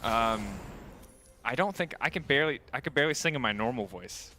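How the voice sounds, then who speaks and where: A man casting an esports match live, playful and quick with banter. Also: mid-range voice, lively intonation, bright, forceful tone, slight background noise. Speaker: esports caster.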